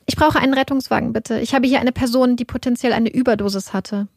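A woman's voice: a little high, steady tone, quick pace, gravelly, a little mellow, no room sound, clean studio sound. A woman voicing a panicked young woman who pleads and frets on an emergency call, frantic and breathless. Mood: anxious.

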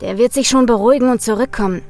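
A woman's voice: on the high side, racing, faint music behind, close to an everyday voice. A woman voicing a brutish, mocking young man who bellows and bullies, reading a storybook thriller. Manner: loud, jeering and bullying.

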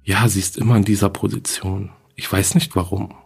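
A cool, unbothered girl with a morbid streak, as a male narrator puts her on. She speaks in a low, gravelly, husky voice. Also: fairly even intonation, a little fast, heavily acted. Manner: matter-of-fact, unbothered.

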